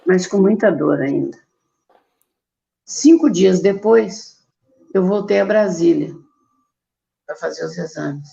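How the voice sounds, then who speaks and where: An older woman with a Brazilian Portuguese accent and a very gravelly voice, telling a personal testimony and acting out her own quoted words. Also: on the low side, slow pace, long pauses, dark tone, muffled recording. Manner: storytelling with acted quotes of herself. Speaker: guest giving testimony.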